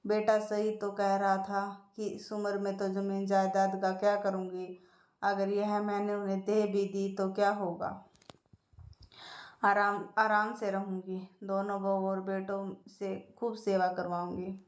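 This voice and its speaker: A woman voicing a gentle, trusting elderly mother who speaks softly and hesitantly, in a storybook reading. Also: mid-range voice, monotone, a little slow, close to an everyday voice. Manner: soft, pleading, hesitant. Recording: echoey room.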